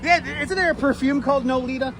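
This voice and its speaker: A man's voice: very high voice, fast talker, a crowd in the background. A man with a Brooklyn accent chatting casually as a livestream host, blunt and salty, often repeating his phrases. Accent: Brooklyn New York. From New York City. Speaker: live streamer and host. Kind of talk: casual street livestream chat. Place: outdoors on a Manhattan street. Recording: outdoor city street, clear traffic noise.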